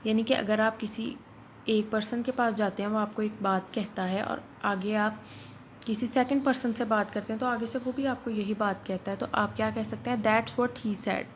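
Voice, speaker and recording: A woman, teaching English phrases in a spoken lesson and patiently repeating each one slowly. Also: medium pitch, fairly even intonation. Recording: faint background noise.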